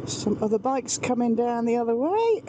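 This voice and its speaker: Riding a motorbike along country trails, a British woman vlogs through her helmet mic with casual, chatty, self-deprecating commentary. She sounds very animated, with a fairly high pitch and a normal speaking speed, over background noise.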